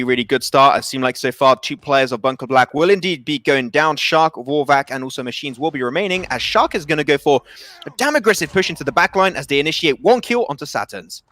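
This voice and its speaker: A man casting a live mobile shooter match, excitable and rising to shouts on big plays. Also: fairly high pitch. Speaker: esports caster. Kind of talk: live game commentary.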